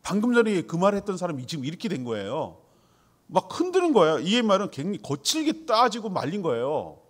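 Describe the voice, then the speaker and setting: Lively animated male preacher. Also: high voice, fast. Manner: animated, conversational preaching with rhetorical questions. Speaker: pastor. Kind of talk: sermon.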